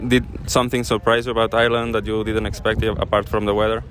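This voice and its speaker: Low, even-voiced male street interviewer. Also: quick pace. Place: outdoors in a seaside town. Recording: outdoor street noise.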